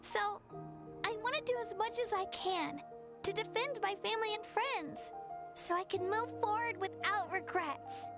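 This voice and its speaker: An actress uses a very high voice at normal speed to play a shy, sincere young girl training hard as a warrior in a game, with music in the background. She sounds earnest and eager to please.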